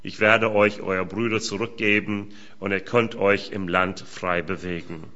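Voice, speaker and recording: A man's voice: low-pitched, fairly even intonation, a little slow, pushed and bright, pitched below the performer's own voice. A man reading aloud the words of a stern male ruler who is testing strangers. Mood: firm. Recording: dull lo-fi sound.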